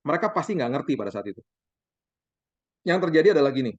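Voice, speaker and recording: A man in his forties, a pastor, preaching a sermon as lively stories, acting out the dialogue for the congregation. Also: on the high side, quick pace, no room sound. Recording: dull, dry sound.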